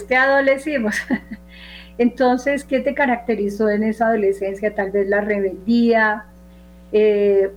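A woman hosting a faith program, earnestly coaxing listeners through a self-examination and listing traits with many pauses. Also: medium pitch. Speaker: host. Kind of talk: guiding a reflective faith exercise. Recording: dull muffled sound with faint hum.

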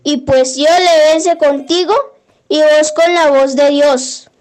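Woman, prayer leader, high voice, slow devotional recitation. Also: steady tone, darkish tone.

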